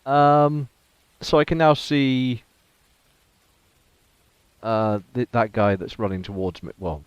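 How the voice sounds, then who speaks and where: A man with a clear, resonant, medium-pitched voice takes things slowly with fairly even intonation; the podcast-mic recording is dry and the audio dull. Playing a tabletop game, he chats casually, mocks himself and sometimes counts aloud.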